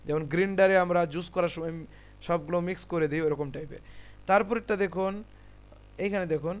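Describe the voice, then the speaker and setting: A man with a high, clear, ringing voice gives a Quran reading lesson in a Bengali accent. He spells out letters and vowel marks one by one at a patient pace, then pulls them together into the full word. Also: fairly quick. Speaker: Quran recitation teacher. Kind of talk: tajweed lesson.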